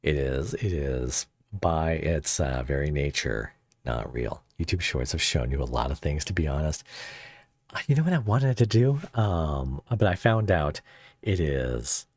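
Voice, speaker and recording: A man talks through a voice changer that drags his voice extremely low and gives it a gravelly, husky grain. He rambles and jokes as he streams, often breaking off mid-thought. The sound is close and dry. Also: sing-song, unhurried, darkish tone, dry recording. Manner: rambling, joking, self-interrupting. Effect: voice changer pitching the voice very deep. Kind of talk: casual livestream chat.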